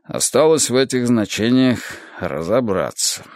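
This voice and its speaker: A man voicing a middle-aged male KGB chairman who speaks quietly, guarded and preoccupied, in an audiobook reading. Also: mid-range voice, big pitch swings, measured pace, dry recording, studio quality.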